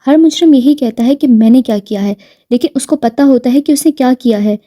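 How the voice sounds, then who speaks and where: A woman's voice: high-pitched, dark tone, dry recording, studio quality. A woman voicing a sarcastic, dismissive male police officer in a storybook reading.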